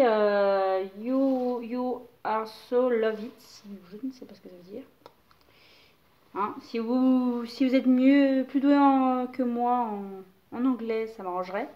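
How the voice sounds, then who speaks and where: A woman's voice: on the high side, muffled recording. A young woman casually chatting about clothes to camera, hesitant and full of fillers. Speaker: mother showing baby clothes haul.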